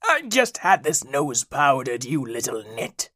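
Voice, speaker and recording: A man's voice: mid-range voice, very animated, a little slow, pushed and bright, no room sound, studio quality, exaggerated voice. A man doing a sneering, drawling bully cat. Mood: taunting. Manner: taunting, drawling.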